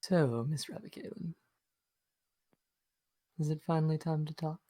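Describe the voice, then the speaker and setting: A man voicing a mysterious male voice that speaks inside a character's head, in a hushed, measured, theatrical whispered role-play. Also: fairly high pitch, no echo. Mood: probing.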